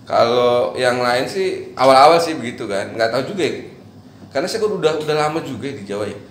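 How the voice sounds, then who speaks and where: A man from eastern Indonesia talks through his thoughts in a relaxed chat, laughing now and then. His voice sits at an ordinary middle pitch. The room gives it a clear echo with faint background noise. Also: fast. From eastern Indonesia, Bima. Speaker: guest. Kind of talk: casual chat.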